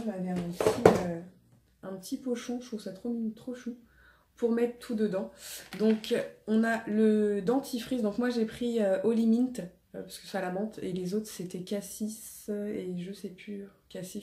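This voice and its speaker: Speaking at a medium pitch with a mellow tone, a woman records a relaxed beauty haul, chatty but hesitant and full of filler words. She has a slight cough after an illness. The recording has an echoey room sound and some faint noise.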